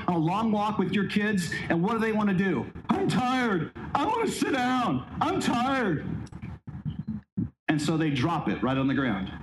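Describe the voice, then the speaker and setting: A man's voice: high-pitched, echoey room, background noise. A man preaching a sermon outdoors, telling stories and acting out the voices of the people he quotes. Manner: storytelling, acts out quoted voices, emphatic. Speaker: pastor.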